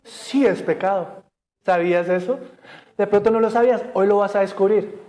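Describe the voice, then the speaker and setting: A man's voice: sits high, normal speed, a little mellow. A man preaching a sermon to a church congregation, often asking them questions and joking. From Colombia. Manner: asks the congregation questions, jokes and laughs. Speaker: pastor. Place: church service streamed online.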